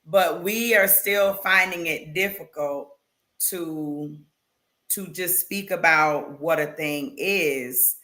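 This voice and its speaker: A woman's voice: low voice, pushed and bright. A woman talking as an interview guest, earnest and emphatic, with faith references. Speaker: guest, founder of a women's platform. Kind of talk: conversational interview.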